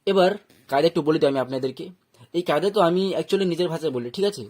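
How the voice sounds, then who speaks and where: A man's voice: fairly high pitch, racing, a little mellow. A man with a Bengali accent teaching Quran reading step by step, breaking words into syllables and often checking that learners follow. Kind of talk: step-by-step recitation lesson.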